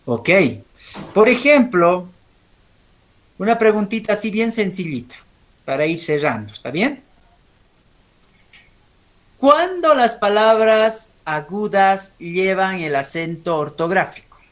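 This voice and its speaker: Profesor de acento boliviano con voz alta y clara. Explica la materia con paciencia y lanza preguntas a sus alumnos. Remata muchas frases con una pregunta breve para ver si lo entienden. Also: male voice, sits high, lively intonation, fairly bright tone. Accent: Bolivian Spanish. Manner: keeps checking understanding with quick tag questions; asks students questions and calls on them. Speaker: teacher. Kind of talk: classroom lesson.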